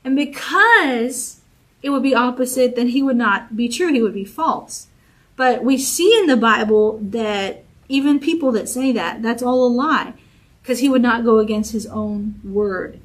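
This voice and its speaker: Woman Bible study teacher, fairly high voice, informal sermon, repeats her points to a live group. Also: unhurried, poor audio. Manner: conversational, repetitive, encouraging preaching.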